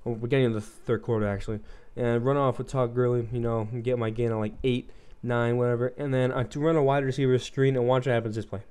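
Young guy rambling thru a game recap, swears a lot, lots of likes n ums, mellow smooth voice, bit froggy. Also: medium pitch, flat delivery, fast. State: slightly froggy throat. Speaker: gaming commentator. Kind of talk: casual gameplay commentary.

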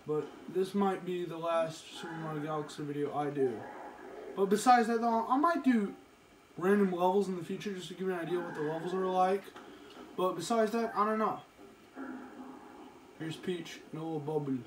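A man casually commenting while playing a video game at home, chatty and talking to himself, with excited outbursts. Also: high-pitched, normal speed, a little hiss or hum, poor audio. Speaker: gameplay commentator. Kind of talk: casual let's-play commentary. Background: video game music.

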